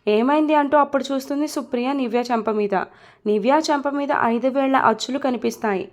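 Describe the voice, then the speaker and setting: A woman's voice: sits high, fast talker. A woman telling a romance story in scripted narration, reading every character's lines with their speaker tags. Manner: reads dialogue with inline speaker tags.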